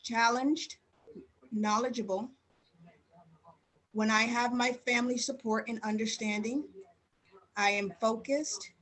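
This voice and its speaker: A woman reads her share of a group poem during an online orientation. Her voice sits a little high, and she moves slowly and steadily from line to line. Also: rough recording. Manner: slow, steady reading. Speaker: orientation participant. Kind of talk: reading a poem aloud.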